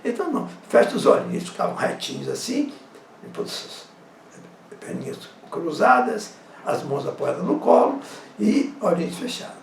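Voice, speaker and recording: A man talks through his memories in an easy, conversational way, checking in with the listener again and again. His voice sits high and swings widely in pitch, with a gravelly rasp. He was recorded some distance from the mic in an echoey room with faint background noise. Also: wildly swooping pitch, moderate pace. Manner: conversational, frequent tag questions. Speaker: psychosomatic therapist and former judo instructor. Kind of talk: casual storytelling monologue.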